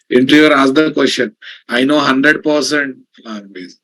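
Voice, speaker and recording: A man's voice: mid-range voice, moderate pace, fairly bright tone, low-quality recording. A man with a Telugu Indian English accent teaching a programming class, dictating in repeated phrases and checking in with questions. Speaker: programming instructor. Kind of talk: live lecture with slow dictation and repetition.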